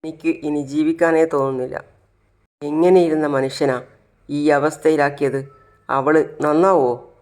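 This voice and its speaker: A man's voice: on the high side, steady tone, measured pace, long pauses, darkish tone, natural voice. A man voicing a humiliated, tearful aging father in a recapped serial, speaking mournfully. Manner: mournful, self-pitying.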